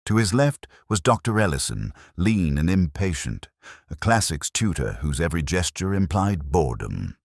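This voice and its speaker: A man playing a brooding, world-weary, erudite police inspector who narrates a detective story in a measured, literary, reflective manner. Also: deep voice, big pitch swings, creaky, no echo, studio quality, exaggerated voice. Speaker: narrator in character.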